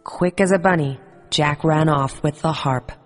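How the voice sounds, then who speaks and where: A woman narrating a children's fairy tale in a calm, measured storytelling manner. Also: low-pitched, big-room sound, faint music behind.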